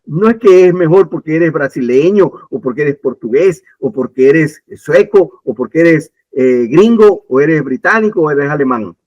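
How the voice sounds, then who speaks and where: A man from Ecuador speaks in a slightly high voice. He argues his views insistently, circling back and restarting as he pushes his point. The recording is dry and close, with no room sound. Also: expressive, normal speed, hardly any pauses, darkish tone, no room sound, lo-fi sound. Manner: emphatic, repeats points, many restarts. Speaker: political commentator. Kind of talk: opinionated talk-show discussion.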